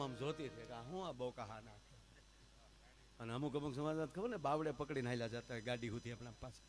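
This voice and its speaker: Kathiyawadi folk storyteller man, high voice. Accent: Kathiyawadi Gujarati. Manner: chatty, addressing the audience directly. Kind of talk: live folk storytelling with jokes. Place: live stage event.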